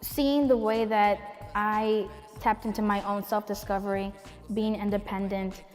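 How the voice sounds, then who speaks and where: A woman's voice: medium pitch, level tone, a little slow, darkish tone, in a large hall, soft background music. Reflective woman graduate testimonial. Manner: reflective, heartfelt. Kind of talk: interview testimonial.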